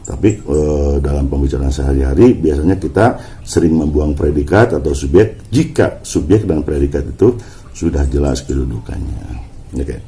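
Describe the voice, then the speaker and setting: A man's voice: extremely low pitch, moderate pace, mellow. A man giving a university lecture, explaining step by step and posing questions he then answers himself.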